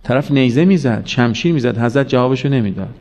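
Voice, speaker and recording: A man's voice: mid-range voice, darkish tone. A man giving a religious sermon, telling stories and asking the listeners questions. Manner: storytelling with acted quotes and rhetorical questions. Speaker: preacher.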